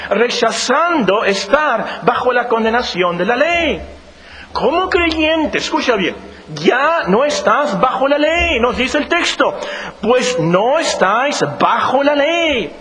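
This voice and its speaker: A man's voice: sits high, fairly bright tone. A man preaching a sermon as pastor, speaking straight to his congregation and driving points home with repetition. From Mexico. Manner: preaching with emphatic repetition, addressing the congregation directly. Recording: long hall reverb, faint hiss.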